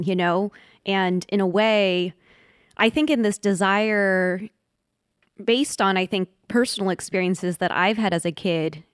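A woman in her thirties from Washington, D.C., appears as a podcast guest in a reflective interview, speaking thoughtfully and candidly and slowing down on heavy points. Her mid-range voice comes through a dry, studio-quality recording.

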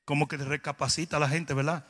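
A man with a Dominican accent preaching a humorous sermon, telling stories with comic voices and building to loud, emphatic peaks. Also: a little high, little pitch movement, a little fast. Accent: Dominican Spanish. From Dominican Republic. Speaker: pastor.

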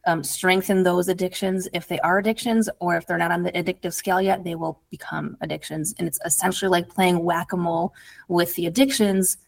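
A woman's voice: lowish voice, fairly even intonation, fairly quick, creaky. A woman guest on a podcast interview, an addiction recovery coach telling her story earnestly and casually, with lots of "like". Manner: earnest, storytelling, heavy use of "like".

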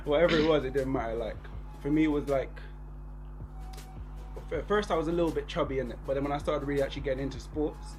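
A man in his twenties with a Bristol accent, hosting a casual podcast chat in relaxed slang. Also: fairly high pitch, fast, faint music behind, rough recording. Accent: Bristol English. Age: 20s. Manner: relaxed slangy talk with lots of "bro" and "innit". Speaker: podcast host.

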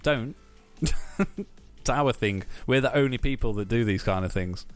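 A man's voice: mid-range voice, a little slow, clean tone, soft background music. A man hosting a podcast in casual chat, with a jokey, chuckly way of talking. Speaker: podcast host.

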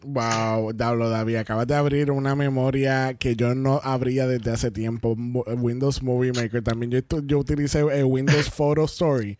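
A man's voice: mid-range voice, steady tone, normal speed, hardly any pauses, a little mellow, no echo, studio quality. A man hosting a podcast in casual chat, playful and dramatic, dropping English words into his talk. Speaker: podcast host.

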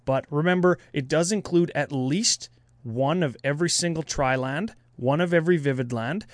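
A man's voice: fairly high pitch, normal speed, no room sound. A man co-hosting a podcast, easygoing and casual, walking through a giveaway and show plans. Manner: easygoing, runs the giveaway details. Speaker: podcast co-host.

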